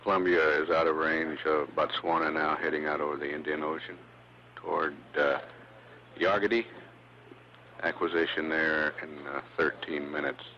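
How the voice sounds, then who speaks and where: Super low flat male announcer, halting mission updates, forceful tone, dull old feed with faint hum. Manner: halting, measured delivery. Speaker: mission control public affairs announcer. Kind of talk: live spaceflight status commentary.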